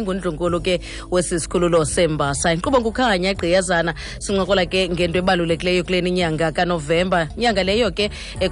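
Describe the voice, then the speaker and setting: A man with a South African Xhosa accent, presenting and interviewing as a radio host. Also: sits high.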